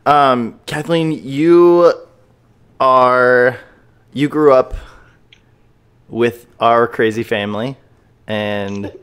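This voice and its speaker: A man's voice: mid-range voice, drawn-out words, long pauses, a bit bright, clear, resonant tone. A man hosting a casual podcast interview, upbeat and enthusiastic, with frequent fillers. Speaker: podcast host.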